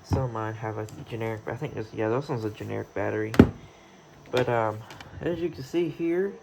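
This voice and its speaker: Talking fairly quickly in a lowish voice, a vlogger and radio enthusiast casually walks through his hobby gear in his own room. It's an unscripted show-and-tell full of rambling and hesitation, captured in a clearly noisy home recording.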